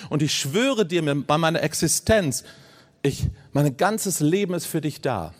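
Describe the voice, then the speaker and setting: Male preacher, fairly high voice, sermon delivery with hushed lows and emphatic peaks. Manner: swings between low hushed phrases and raised emphatic ones; addresses listeners directly and warmly as friends.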